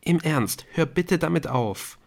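A man reading an audiobook, voicing an anxious schoolboy who pleads in a hushed, timid voice. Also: on the high side, animated, measured pace, gravelly, voice pushed up. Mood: pleading.

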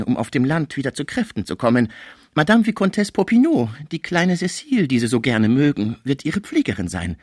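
Cold, snakelike male lawyer, smooth and persuasive, voiced by a male narrator. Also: medium pitch, darkish tone, no echo, clean studio sound, voice pushed up.

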